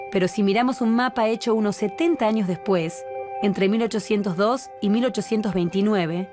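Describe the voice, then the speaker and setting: A woman reading scripted documentary narration in a calm, measured, explanatory way. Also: on the high side. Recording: voice-over with clear music behind. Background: music.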